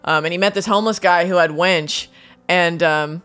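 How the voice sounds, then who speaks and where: A woman's voice: fairly low pitch, steady tone, normal speed, a bit bright, soft background music. A woman co-hosting a podcast in casual chat, laughing often and telling a story with lots of swearing, at home with her dogs in the room. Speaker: podcast co-host. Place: home studio with dogs present.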